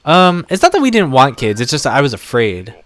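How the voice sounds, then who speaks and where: A young adult man streaming live and chatting off the cuff, rambling from one thought to the next. His voice is smooth and resonant at a middle pitch. He sounds close to a desk mic. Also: wildly swooping pitch, brisk. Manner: chatty, rambling, warm toward viewers. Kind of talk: casual live-stream chat.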